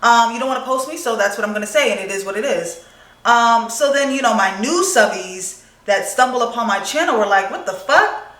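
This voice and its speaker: A young woman vlogger chatting casually while doing her makeup, expressive and swearing freely. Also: fairly high pitch, fairly quick, far from the mic. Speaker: beauty vlogger. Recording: echoey room, voice a bit off-mic.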